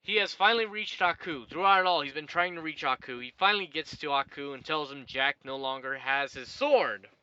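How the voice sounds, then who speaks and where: A man's voice: a little high, expressive, a little fast, few pauses, bright, forceful tone, clear, resonant tone, muffled recording. A man casually recapping a cartoon episode for his show, rambling and chatty. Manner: rambling, chatty, laughs at his own jokes. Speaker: YouTube show reviewer.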